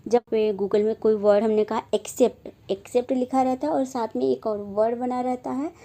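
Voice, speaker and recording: A young woman teaching a phonetics lesson. She speaks slowly, repeats herself, and says each example word aloud. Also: on the high side, fairly even intonation, mellow. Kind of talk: phonetics lesson explained in Hindi.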